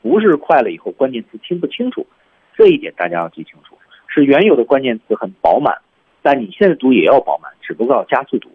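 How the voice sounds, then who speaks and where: Male radio English teacher, lively, slightly husky, tinny broadcast sound. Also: fast talker. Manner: lively, demonstrates lines with heavy stress and rising pitch. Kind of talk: radio language lesson.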